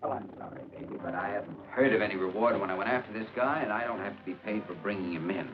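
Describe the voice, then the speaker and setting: An actor playing a stubborn, guilt-ridden man in a 1950s film, talking quietly and with restraint. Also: lowish voice, quick pace, natural voice. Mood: firm. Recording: dull old film soundtrack with music.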